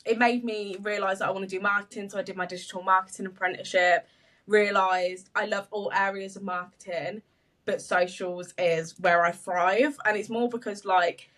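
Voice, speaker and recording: Speaking at medium pitch and a moderate pace, a young British social media marketer talks in a chatty, animated way on a podcast, full of fillers and frequent laughter. She is positioned far from the microphone.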